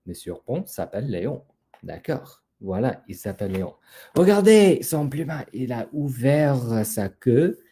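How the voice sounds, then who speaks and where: A male teacher hosting a children's story time, patiently repeating words so young learners can follow. He speaks slowly with a warm, mellow tone. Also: mid-range voice, husky. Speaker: language teacher.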